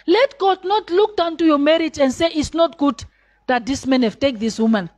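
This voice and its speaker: A woman's voice: sits high, normal speed, darkish tone. A middle-aged woman pastor, preaching a sermon with strong rises and sudden drops in volume.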